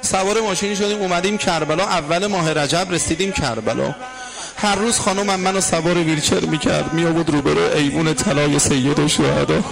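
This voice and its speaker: A man preaching a sermon as a dramatic story, at times dropping to a hush or half singing. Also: a little high, creaky, music in the background. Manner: dramatic storyteller, drops to hushed tones and half-sung lines. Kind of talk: emotional religious storytelling sermon.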